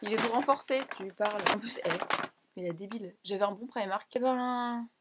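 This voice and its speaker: A young woman from France, chatting excitedly and casually through a fashion haul vlog, with frequent laughs and quick asides. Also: mid-range voice, heavy background noise. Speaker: fashion vlogger.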